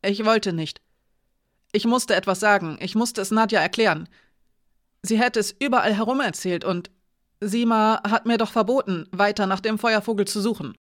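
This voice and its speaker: The narrator voicing a restless young woman guard who pleads urgently and loudly. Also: on the low side, fairly even intonation, brisk, few pauses, close to an everyday voice. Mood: urgent, pleading. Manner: pleading, agitated, talks loud.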